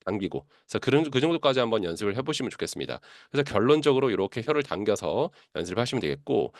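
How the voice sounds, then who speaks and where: A man teaching English pronunciation, explaining tongue positions and modelling sounds with drawn-out vocal examples. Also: mid-range voice, dry recording, clean studio sound. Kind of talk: pronunciation lesson.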